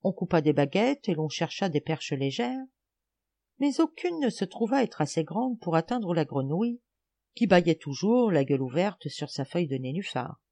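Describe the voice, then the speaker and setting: Woman audiobook narrator, animated and expressive, wide pitch swings. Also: normal speed. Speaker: audiobook reader.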